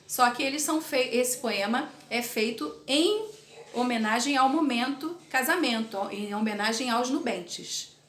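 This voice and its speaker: In a recorded literature class, a woman explains terms step by step and checks in with her students using tag questions. Her voice is on the high side and fairly bright, her pace is unhurried, and the recording sounds roomy.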